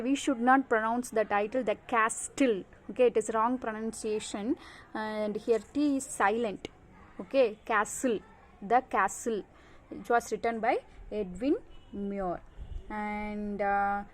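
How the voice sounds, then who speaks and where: A woman teacher giving a recorded class, repeating each point with many "okay" and "uh" fillers. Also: a little high. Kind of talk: online class lecture.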